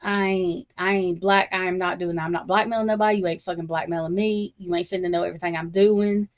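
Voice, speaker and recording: Fast and fairly even in intonation, a woman with a lowish voice hosts a true crime stream full of blunt, cursing rants. She rambles casually, restarts often, and uses slangy, Southern-tinged grammar; the audio is a little dull and lo-fi.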